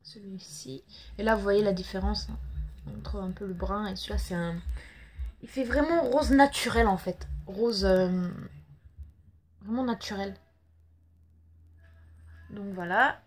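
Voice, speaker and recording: A woman's voice: medium pitch, unhurried, long pauses. A French woman chatting casually through a makeup haul at home, hesitant, with many fillers and apologetic restarts. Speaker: beauty vlogger.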